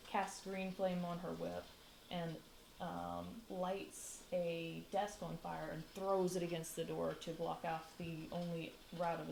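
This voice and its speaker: A woman narrating as game master of a tabletop game, relaxed, with frequent ums. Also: lowish voice, creaky, roomy sound, a little hiss or hum, poor audio.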